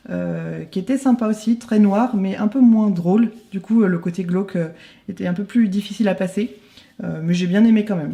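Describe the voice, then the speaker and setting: A young woman vlogging in casual chat at home while arranging her bookshelf, chatty and slangy, meandering with many pauses. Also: mid-range voice, gravelly, warm tone. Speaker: book vlogger. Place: her apartment, next to a bookshelf.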